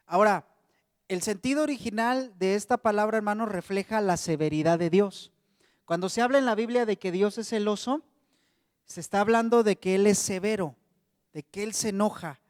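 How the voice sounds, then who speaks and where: A man's voice: high voice, no echo, studio quality, in a large hall. A man with a Mexican Spanish accent preaching a sermon to a congregation, in a conversational way, often calling them brothers.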